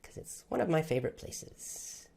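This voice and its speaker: At a moderate pace and in a dark tone, a male English teacher takes viewers' questions in a live Q&A, sounding enthusiastic and motivational.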